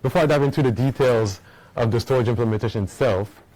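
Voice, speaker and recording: Picked up by a small recording mic in rough quality, a Belgian conference speaker talks quickly in a medium-pitched, darkish voice. His technical presentation to the room is casual and explanatory, full of "uh" and a habitual "right?" between points.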